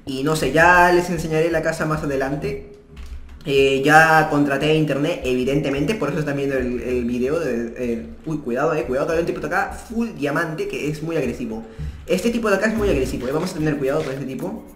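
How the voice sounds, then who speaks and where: A young man giving casual gameplay commentary from his new apartment, chatty and prone to sudden excited outbursts. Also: a little high, brisk. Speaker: gaming YouTuber. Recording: echoey room, faint background music.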